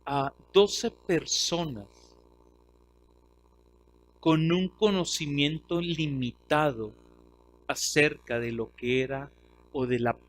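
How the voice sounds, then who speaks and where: A man's voice: a little high, fairly bright tone, a little hiss or hum. A man with a Mexican Spanish accent preaching a sermon, earnest, often restarting and repeating words, rising to emphatic declarations. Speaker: pastor.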